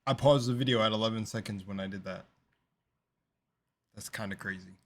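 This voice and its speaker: A young man with a slight lisp hosts a casual reaction video, rambling with lots of fillers and swinging between loud bursts and quiet mumbles. His voice is on the low side and a little fast.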